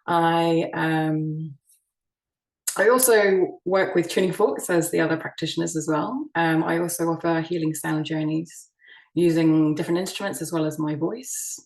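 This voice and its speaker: Woman sound healer presenting at an online summit, soft and hesitant, heard from a distance in an echoey room. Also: sits low, fairly even intonation, moderate pace. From United Kingdom. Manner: soft-spoken, gentle, frequent ums and restarts. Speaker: sound healing practitioner.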